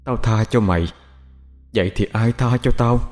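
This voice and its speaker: A man's voice: on the low side, moderate pace, darkish tone, soft background music, close to an everyday voice. A man doing a burned, vengeful servant ghost. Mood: accusing. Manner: accusing, moaning.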